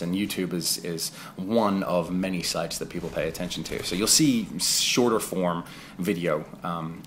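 A man's voice: low voice, a little hiss or hum. A man in his thirties who grew up in England, giving casual, digressive voice-over commentary on his own gameplay. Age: 30s. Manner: conversational and digressive, chatty asides. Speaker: gaming video creator.

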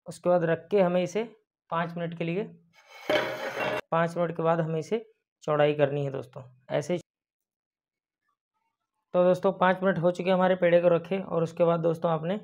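A man's voice: a little high, a little mellow. A young man, host of a baking channel, talking viewers through a recipe step by step and addressing them as friends over and over. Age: young adult. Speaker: baker and cooking channel host. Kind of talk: cooking tutorial voice-over. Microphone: lapel mic. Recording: dull lo-fi sound.

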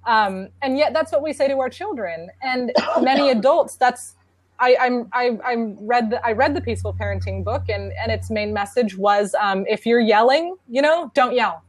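A woman's voice: a little high, moderate pace. A woman speaking on a panel about parenting, in an earnest, conversational way. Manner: earnest, conversational, many restarts. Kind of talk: casual conference talk.

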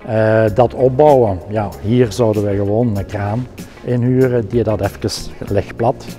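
A man's voice: fairly low pitch, steady tone, measured pace, dark tone, soft background music. A middle-aged man with a Flemish accent, a technical production director explaining his work in a practical, hesitant way with many fillers.

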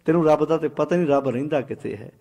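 A man preaching a Sikh sermon, swinging between loud exhortation and low quiet asides, and slowing to chant verses of scripture. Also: creaky. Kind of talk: Punjabi sermon with sung scripture.

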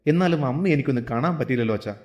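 An earnest young son-in-law, voiced by a male narrator, full of anxious questions in a storybook tale. His voice sits at a plain middle pitch. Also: fast, darkish tone, muffled recording, natural voice.

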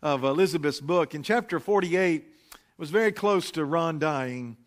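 A man preaching a relaxed, anecdotal sermon into a pulpit microphone, pausing often with fillers. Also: on the high side. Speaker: pastor. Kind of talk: conversational sermon. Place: church sanctuary.

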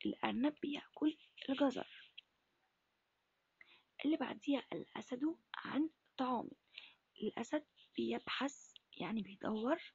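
A woman teaching Arabic to first graders in an Egyptian accent, asking questions and answering them herself in a breathy, half-whispered voice. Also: a little high, a little mellow, no echo, dull audio. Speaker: primary school Arabic teacher. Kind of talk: recorded lesson for first graders.

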